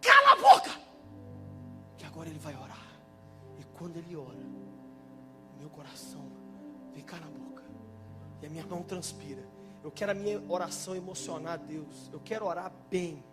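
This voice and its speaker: A man with a Brazilian Portuguese accent preaching a sermon, fervent and emphatic with sudden loud bursts. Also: on the high side, a little fast, pauses often. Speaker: pastor. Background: instrumental music playing under the preaching.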